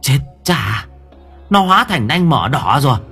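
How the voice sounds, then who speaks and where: A man's voice: mid-range voice, very animated, measured pace, vocal fry, bright, forceful tone, soft background music, voice pushed up, full character voice. A man voicing a fierce, foul-mouthed old village exorcist woman, scolding and cursing.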